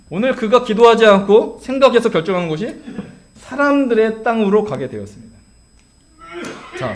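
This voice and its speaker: Male pastor, high and lively voice, preaching, poses questions and answers them. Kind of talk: sermon.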